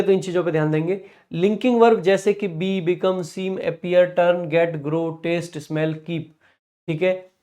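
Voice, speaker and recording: Guy teaching a grammar revision class, a bit high voice, slow careful examples. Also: warm tone. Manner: explanatory, frequent "ठीक है" check-ins, reads example lists slowly.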